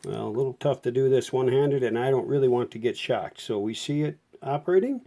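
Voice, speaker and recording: Talking a little fast in a medium-pitched voice with a dark tone, the middle-aged host of a vintage radio repair channel gives a casual, hands-on repair tutorial. His manner is informal and folksy as he works.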